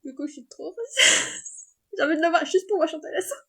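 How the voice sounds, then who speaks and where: A woman vlogger in casual chat, running through entertainment announcements with excitable fan chatter that trails off and restarts. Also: very high voice, fairly quick. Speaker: vlogger sharing entertainment news.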